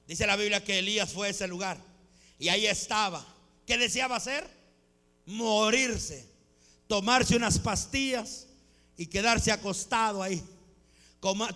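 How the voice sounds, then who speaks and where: A male pastor delivers a sermon in a high, bright voice with a gravelly edge. He preaches at a slow, deliberate pace and breaks into shouts at the climaxes. His voice rings through the long reverb of a church hall. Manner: preaching with shouted peaks and acted quotes. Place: church sanctuary.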